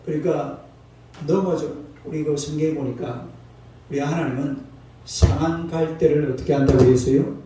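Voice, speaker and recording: In an echoey church sanctuary, a far-off microphone records a pastor in his sixties at a dawn sermon, with faint noise underneath. His slightly high, warm voice keeps a fairly even intonation and moderate pace as he scolds in a folksy way and invites the congregation to reply.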